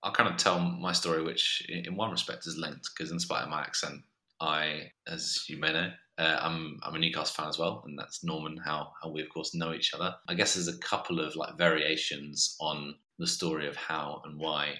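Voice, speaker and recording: Male, modern Southern English accent, bright forceful edge on a very deep voice, measured personal storytelling. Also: level tone. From Australia. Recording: roomy, echoey sound.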